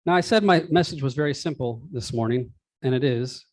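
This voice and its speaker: A man's voice: medium pitch, a little fast, no echo. A man preaching in a conversational sermon style, in a wry, exasperated, ranting manner. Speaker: pastor preaching. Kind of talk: sermon, conversational with read-out article.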